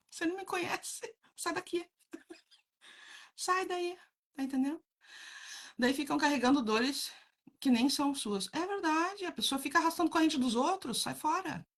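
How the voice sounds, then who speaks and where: Blunt, animated woman chatting frankly. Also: on the high side, husky. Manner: blunt, frank, laughs often, addresses viewers as gente. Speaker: host reading viewer comments. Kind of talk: casual live chat.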